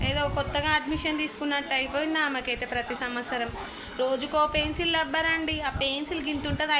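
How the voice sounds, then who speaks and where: Home vlogger: a woman, high and chatty, addressing viewers directly, recorded on a phone with loud household noise. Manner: chatty, talks straight to viewers. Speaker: family vlogger. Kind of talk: casual home cooking vlog. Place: home kitchen.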